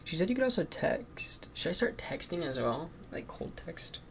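A man's voice: a little high, very animated, normal speed, gravelly, a bit bright, a little hiss or hum. A man in his late teens making sales cold calls and talking between them, nervous and full of fillers like "um" and "like". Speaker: marketing agency owner cold calling. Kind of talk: recorded cold calls and casual commentary.

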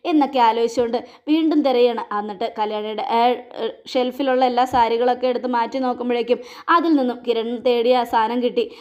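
A woman giving a casual spoken recap of a TV serial episode, briskly retelling scenes and slipping into the characters' lines. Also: on the high side, fairly even intonation, darkish tone, highs cut off.

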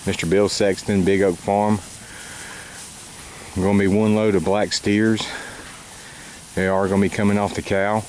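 Guy, deep monotone voice, just listing off details plain, outdoor camera mic w/ faint rural noise. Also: a little slow, pauses often, low-quality recording. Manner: steady, matter-of-fact listing of details. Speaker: livestock auction presenter. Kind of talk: plain spoken sale description. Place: outdoors in a cattle pasture.

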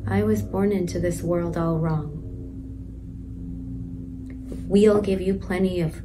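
A woman playing a pregnant sixteen-year-old girl in detention, speaking softly and slowly in a stage monologue, some lines whispered. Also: fairly low pitch, fairly even intonation, noisy background, close to an everyday voice. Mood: tender. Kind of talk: stage monologue, letter to her unborn baby.

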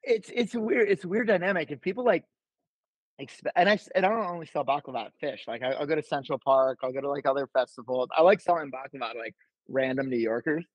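Quick and fairly high-pitched, this young adult from New Jersey guests on a podcast, where he rambles through stories in casual chat. He's a baklava vendor with a laid-back, filler-heavy style, constantly dropping "like." The recording has no echo but poor quality.

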